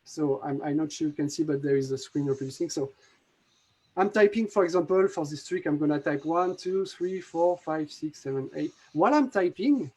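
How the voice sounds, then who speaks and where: A man with a French accent explaining an app on a live video call, talking haltingly with frequent restarts and fillers. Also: fairly high pitch, darkish tone, husky. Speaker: app developer demonstrating a magic trick. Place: home in a city.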